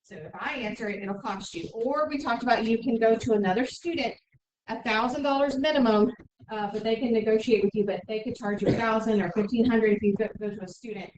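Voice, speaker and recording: A woman's voice: fairly high pitch, darkish tone, dull audio. Woman teaching math in an echoey classroom. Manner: brisk, frequent "okay?" check-ins. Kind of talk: classroom instruction. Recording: echoey room, mic far off, faint noise.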